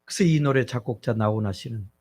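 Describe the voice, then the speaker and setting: A man's voice: mid-range voice, fast, a little mellow. A middle-aged male pastor preaching a sermon in a conversational way, asking his congregation rhetorical questions.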